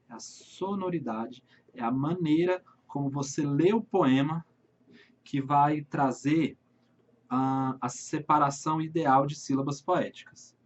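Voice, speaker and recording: A man with a Brazilian accent teaching literature in an online video lesson, speaking straight to his viewers and slowing down to read verses aloud. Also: fairly high pitch, dull audio, slight background noise. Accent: Brazilian Portuguese. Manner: friendly, addresses viewers directly, slows to read verses.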